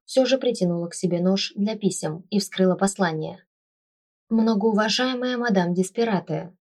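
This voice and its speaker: Brief: woman audiobook narrator, lowish voice, wry and expressive. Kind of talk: first-person audiobook narration.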